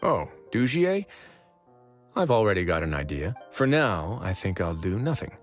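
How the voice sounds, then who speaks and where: Cool, wry prison duke. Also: male voice, sits low, big pitch swings. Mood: dry. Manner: measured, dry, quietly threatening or teasing. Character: cool, wry, commanding duke who runs a prison fortress. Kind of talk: video game dialogue acting. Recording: music under the voice.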